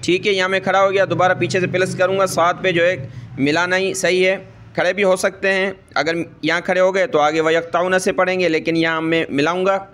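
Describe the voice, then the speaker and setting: A man teaching Quran recitation. He explains each rule slowly, checks in with "ठीक है" over and over, and chants the verses long and drawn out. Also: sits high, flat delivery, fairly bright tone, slight background noise. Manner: says "ठीक है" often to check the listener. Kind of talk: Quran tajweed lesson.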